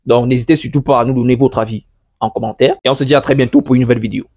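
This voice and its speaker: A man's voice: mid-range voice, fairly even intonation, racing, noisy background. A man hosting a farming channel, explaining a video to his viewers in a chatty way, speaking French as a second language. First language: not French. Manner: chatty, addresses viewers as friends. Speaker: agriculture channel host.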